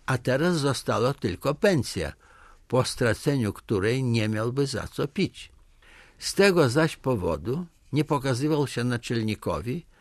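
A man narrating a story in a measured, expressive reading. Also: mid-range voice, no room sound, studio quality.

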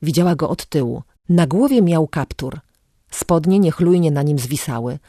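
An audiobook narrator reading a novel aloud in an even, measured way. The voice sits at a middle pitch. The recording is dry and close. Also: no room sound.

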